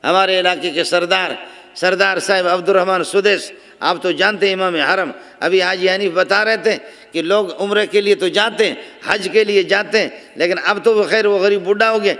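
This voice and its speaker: A man delivers a storytelling sermon, his high voice rising for emphasis and dropping for asides. His voice rings out with a long reverb, as if recorded in a large conference hall. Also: steady tone. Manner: storytelling, impassioned, shifting between soft asides and raised emphasis. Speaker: religious speaker.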